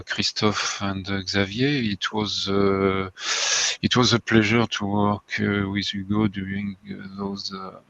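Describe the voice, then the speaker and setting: A man's voice: fairly low pitch, creaky, a bit bright, no echo. A man on a thesis jury making formal remarks and asking questions, hesitant and often correcting himself as he searches for words. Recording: dull, dry video-call audio.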